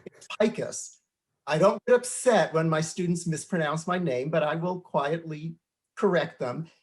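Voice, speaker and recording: A man's voice: fairly high pitch, moderate pace. An older man, a teacher of forty years, speaking earnestly and instructively in a panel discussion.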